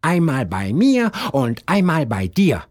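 A man voicing a boastful, quarrelsome male rabbit gardener in a storybook reading, in a raised, excited voice. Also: slow, full character voice. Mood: friendly. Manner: bragging, high and excited.

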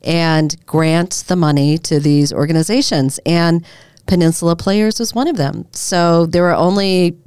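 A woman with a low, smooth voice talks through local news in a relaxed, chatty way. Her sound is close and dry, with no room around it. She explains at length and laughs easily. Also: measured pace, no room sound. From Boston area. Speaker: reporter and co-host. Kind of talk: casual news chat.

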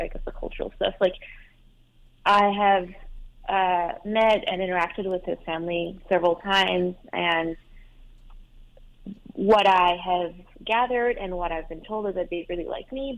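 At normal speed and in a steady voice on the low side, a young adult woman phones in to an advice show. Farsi is her first language; she talks hesitantly with many fillers and restarts, and the line sounds tinny.

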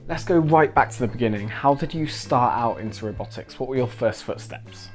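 A man's voice: mid-range voice, fairly quick, soft background music. A man from Bristol with a West Country English accent, hosting a structured interview. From Bristol, England. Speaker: interview host.

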